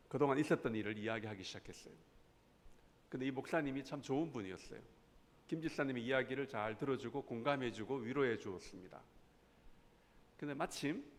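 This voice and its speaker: A man in his fifties who teaches a church Bible class, telling a story and acting out the quoted lines of an argument, often putting questions to his audience. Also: mid-range voice. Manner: animated, acts out quoted arguments with rising voice. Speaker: professor teaching a lay Bible school. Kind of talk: lecture with storytelling. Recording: long hall reverb.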